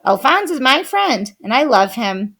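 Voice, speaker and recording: A woman's voice: fairly high pitch, sing-song, a little slow, fairly bright tone, full character voice. A woman voicing a young boy who is devoted to his pet and speaks earnestly in a storybook reading. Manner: earnest, pleading.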